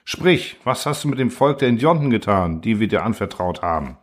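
A man's voice: on the low side, big pitch swings, fairly quick. A man reading the part of a council of old male elders, speaking in a raised, outraged, accusing way.

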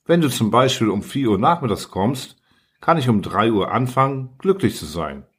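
A man voicing a husky, wise, gentle fox. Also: mid-range voice, lively intonation, moderate pace, pitched above the performer's own voice. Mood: earnest. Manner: earnest, coaxing, explaining tenderly. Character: wise gentle male fox, patient and wistful. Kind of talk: audiobook reading.

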